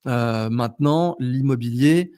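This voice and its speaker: A man hosting a relaxed chat about money and markets. His delivery is slangy and lively, and he keeps a conversational pace. The sound is dry and close, with no room echo. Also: mid-range voice, slow pace. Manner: slangy, animated, stops to check charts. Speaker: host. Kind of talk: casual market commentary chat.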